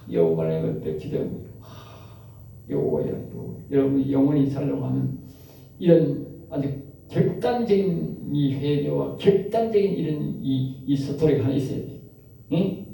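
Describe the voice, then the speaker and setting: A man pastor giving an emphatic sermon-style lecture, repeating his phrases and prodding listeners with quick questions, his pitch and loudness swinging dramatically. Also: vocal fry, far from the mic. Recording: roomy echo, voice off-mic.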